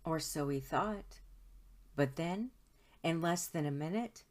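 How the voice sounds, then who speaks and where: This storytime host, a woman whose voice is pitched low, reads to children from a picture book. She speaks with deliberate expression, lingering on important words the way a storyteller does.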